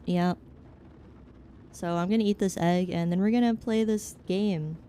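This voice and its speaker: A chatty young woman with a slightly low voice talks casually to her stream chat. She rambles from topic to topic, frank and joking. A faint hiss sits under her voice. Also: fairly even intonation, a little slow, dark tone. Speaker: VTuber streamer. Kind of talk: casual chat, answering chat while gaming.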